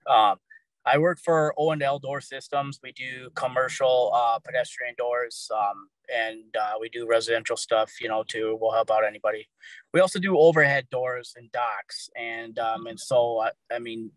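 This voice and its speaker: A man's voice: medium pitch, fairly even intonation, normal speed, no room sound, low-quality recording. A man guesting on a casual show, easygoing and rambling, with many fillers. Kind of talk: casual interview chat.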